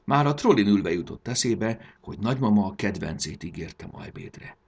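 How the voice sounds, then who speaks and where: A man narrating a children's story in a gentle, expressive reading. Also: on the low side, gravelly, muffled recording, a little hiss or hum.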